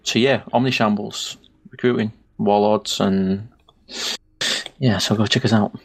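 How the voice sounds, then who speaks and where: A man's voice: lowish voice, steady tone, measured pace, husky. A man with a northern English accent co-hosting a casual gaming podcast, easygoing and a little hesitant, laughing at himself. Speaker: podcast co-host.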